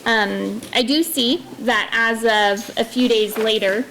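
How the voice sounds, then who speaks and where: A woman's voice: fairly high pitch, steady tone, slow pace, a bit bright, a little hiss or hum, low-quality recording. A woman giving a semi-formal public comment, hesitant, with frequent ums breaking up her phrases. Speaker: public commenter at a city council meeting.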